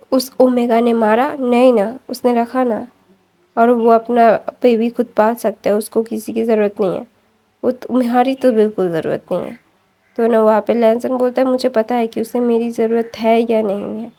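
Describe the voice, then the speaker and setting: A woman casually retelling a fan story, chatty, linking sentences with fillers and quickly correcting herself. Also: a little high, warm tone.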